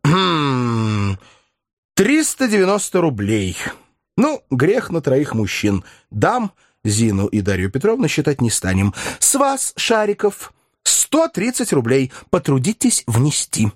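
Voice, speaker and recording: A man voicing a pompous older male professor who lectures and shouts in tirades. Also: fairly high pitch, wildly swooping pitch, slow, no room sound, studio quality, pitched above the performer's own voice, exaggerated voice. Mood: ironic.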